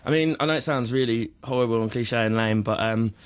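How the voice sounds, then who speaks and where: A man's voice: medium pitch, a little fast, clean tone. A man, a musician guest, chatting in a casual radio interview, laid-back and rambling.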